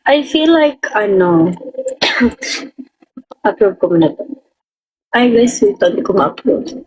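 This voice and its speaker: A woman's voice: medium pitch, sing-song, slow pace, darkish tone, breathy edge, poor audio. A young woman with a Filipino accent, chatting casually on a livestream and rambling as she answers viewers' comments. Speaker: livestream host.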